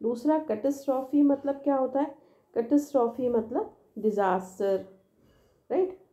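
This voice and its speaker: An Indian woman teacher explains words slowly and patiently, saying each one over and over. Her voice is mellow and a little high. The room around her has a clear echo. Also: lively intonation. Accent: Indian English. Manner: slow, patient, repeats each word and its spelling; ends phrases with tag questions. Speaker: English teacher. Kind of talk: vocabulary lesson in Hindi mixed with English.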